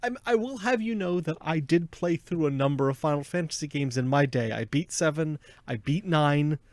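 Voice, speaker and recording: A man with a fairly high voice co-hosting a gaming podcast, playful and jokey, slipping into mock-dramatic ad reads. The sound is dry and close to the mic, with no room in it. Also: expressive, moderate pace, darkish tone, dry recording. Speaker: podcast co-host. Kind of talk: casual podcast chat.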